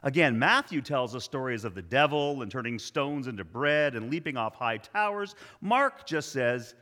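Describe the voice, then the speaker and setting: Animated, wry man preaching a sermon. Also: mid-range voice, normal speed, long reverb tail. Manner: conversational, wry asides, emphatic repetition. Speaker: pastor.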